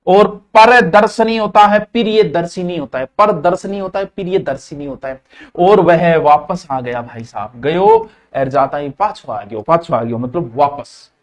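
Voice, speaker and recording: A man teaching a Hindi grammar class, drilling words by repeating them many times in a folksy, animated way with sudden loud stresses. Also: fairly high pitch, a little slow.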